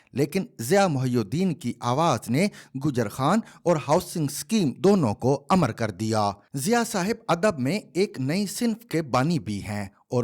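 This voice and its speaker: Male narrator, column read-aloud, measured and expressive, higher voice, animated pitch. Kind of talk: scripted narration.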